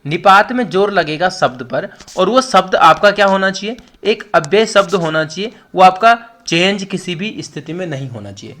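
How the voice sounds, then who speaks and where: High-voiced man teaching a Hindi lesson. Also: fairly bright tone. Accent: Hindi, Uttarakhand. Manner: explanatory, repeats words for emphasis, addresses students directly. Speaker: exam-prep teacher. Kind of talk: online lesson.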